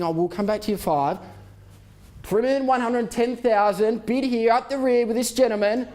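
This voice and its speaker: A man with a high-pitched voice calls a live auction as the auctioneer. He repeats figures in short rhythmic phrases and addresses the bidders formally and courteously. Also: darkish tone. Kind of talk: live property auction calling.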